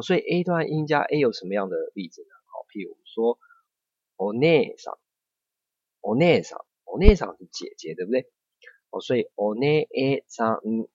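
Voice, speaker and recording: A man's voice: lowish voice, no room sound. Man, patient language teacher, dry close sound, slightly muffled lo-fi recording. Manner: patient, explains step by step with frequent checks. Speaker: Japanese teacher. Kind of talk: online language lesson.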